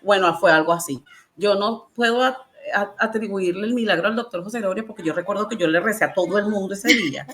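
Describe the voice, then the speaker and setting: A woman's voice: medium pitch, fast talker, fairly bright tone. A woman with a Venezuelan accent, telling her personal faith story in a colloquial, emotional way and laughing often. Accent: Venezuelan Spanish. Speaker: testimony guest.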